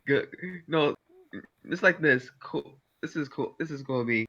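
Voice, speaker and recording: A man's voice: medium pitch, a little slow, sharp tone, lo-fi sound. A man chatting casually with a friend on a stream, laughing his way through his stories. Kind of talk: casual chat.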